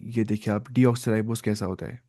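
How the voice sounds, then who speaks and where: A man teaching biology in an online lecture, mixing Hindi and English, slowly explaining and asking questions he answers himself. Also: lowish voice, level tone, mellow. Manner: asks the class questions and answers them himself, repeats "ठीक है"; slow, stop-start explaining with fillers.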